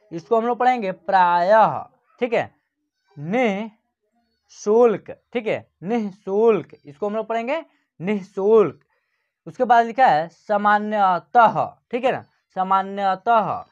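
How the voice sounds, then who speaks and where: A man teaches an online Hindi lesson for beginners. He keeps checking that his learners are following and stretches out each sound as he spells it. The recording is slightly muffled and lo-fi. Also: sits high. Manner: repeats checking phrases, slows to spell out sounds. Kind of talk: online lesson, explaining at a board.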